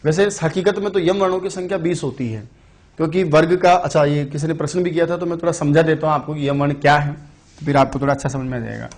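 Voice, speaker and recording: Slow, deliberate explanations mark this man's online Sanskrit lesson for exam prep, where he tells chatty stories and puts questions to his students. He speaks on the high side.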